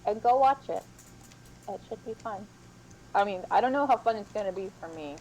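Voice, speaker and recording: A woman's voice: medium pitch, expressive, normal speed, darkish tone, slight background noise, poor audio. A woman chatting casually and easygoingly as a guest on a gaming stream. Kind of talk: casual chat while gaming.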